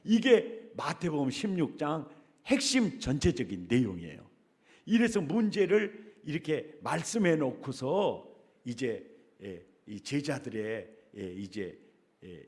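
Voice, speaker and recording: A man preaching a revival sermon, exclamatory and animated, repeatedly calling the congregation for amens. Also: medium pitch. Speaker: pastor.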